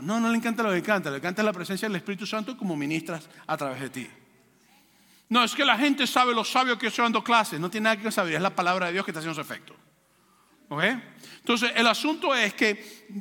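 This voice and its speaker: A man from Venezuela preaches with a high, bright voice that carries. He is animated and jokes with the congregation. The sound rings with the long reverb of a church hall. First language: Spanish. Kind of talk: sermon.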